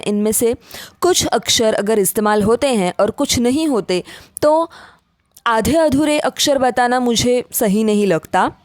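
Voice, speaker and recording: A woman teaching pronunciation, reciting syllables one by one in a slow, deliberate drill. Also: on the high side, darkish tone, no echo, studio quality. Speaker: language teacher. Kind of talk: pronunciation lesson.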